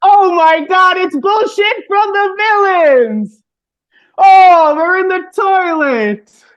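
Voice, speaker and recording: A woman on a video call giving a playful, crude mock commercial pitch for her team's product. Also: takes it slowly, lo-fi sound. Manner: playful, crude humor, salesy.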